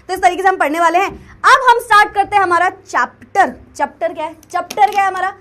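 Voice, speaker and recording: A woman's voice: very high voice, a bit bright. A young woman teaching a live online chemistry class, chatty, repeating herself and checking the chat often.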